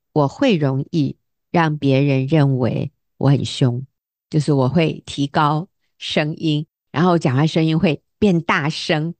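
A woman with a lowish voice gives counsel on a faith talk show. She tells her stories with lively energy and acts out the lines she quotes. The sound is dry and close. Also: no room sound. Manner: animated, acts out quoted dialogue with laughs.

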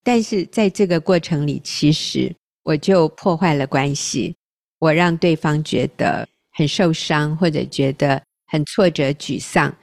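Earnest woman radio host, low voice. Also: unhurried, creaky, a little mellow, dry recording. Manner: earnest, reflective, self-deprecating. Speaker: radio talk show host.

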